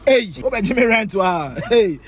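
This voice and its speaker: Man playing insistent debt collector, quick pace, raised pitch, nagging repetition, comedy skit. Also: lively intonation. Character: insistent man demanding his small debt back.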